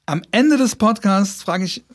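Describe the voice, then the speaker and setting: A man hosting a podcast interview, talking in a halting way with restarts and chuckles. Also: high-pitched, expressive. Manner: halting, restarts words, chuckles between phrases. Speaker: podcast host. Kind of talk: casual interview chat.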